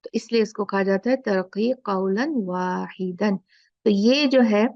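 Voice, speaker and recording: A woman teaches Quran recitation in an unhurried, deliberate way, stretching each sound she demonstrates. Her voice carries a gravelly edge. The recording is dry and a little dull. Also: mid-range voice, dry recording. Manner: slow, drawn-out demonstration of letter sounds. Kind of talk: explaining a lesson.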